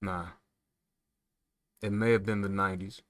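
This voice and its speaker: A man's voice: low voice, flat delivery, a little slow, fairly bright tone. A man delivering a profane, heated political rant, firing rhetorical questions at the listener. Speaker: political commentator.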